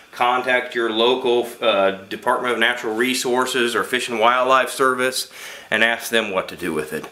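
Rambling man in an echoey room. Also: medium pitch. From east central Florida. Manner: relaxed and rambling, with many fillers and restarts. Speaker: fishing charter captain. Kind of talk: casual how-to demonstration. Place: indoor room at a table, filming alone. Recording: echoey room, faint background hum.

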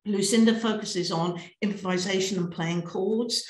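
A British woman leading a piano teachers' webinar, lively and encouraging, singing and chanting rhythms as she demonstrates. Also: mid-range voice, moderate pace, reverberant.

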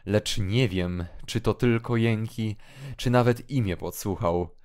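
A man's voice: on the low side, a little slow, a little mellow, clear, resonant tone, close to an everyday voice. A man reading as a brooding, feverish young hermit. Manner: mournful, rising into agitated outbursts. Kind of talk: audiobook drama reading.

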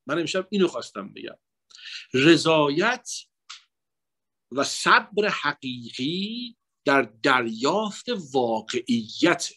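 A man with a somewhat raised pitch and a husky, breathy voice delivers a mourning-night lecture. His delivery is emotional and rhetorical, climbing into emphatic peaks and then dropping to near-whispered asides. His intonation moves all over the place. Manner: swings between raised emphatic phrases and hushed asides; lively, emotional, rhetorical address to the audience. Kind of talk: religious lecture blending psychology and sermon.

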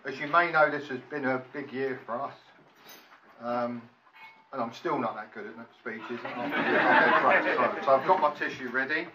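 A middle-aged man gives a prepared wedding speech as father of the bride, halting and self-deprecating. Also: medium pitch, a crowd in the background. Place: large function room at a wedding reception. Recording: echoey room, distant mic, muffled, loud noise.

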